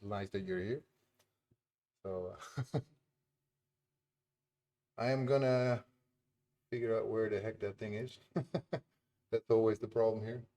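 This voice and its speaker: A Dutch-native indie developer building his game on a live stream talks slowly with long pauses, in a lowish, dark voice with fairly even intonation. He keeps things casual, laughing often and muttering to himself as he works.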